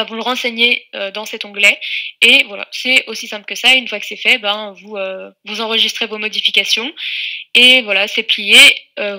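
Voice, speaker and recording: A woman presenting a webinar, walking viewers through software steps in a chatty way with many fillers and restarts. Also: on the high side. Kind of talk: screen-share software tutorial.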